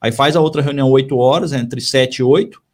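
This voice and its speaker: A man's voice: medium pitch, fairly quick, darkish tone. A man who is a missionary pastor, talking in a casual podcast conversation, earnest and given to repeating his phrases.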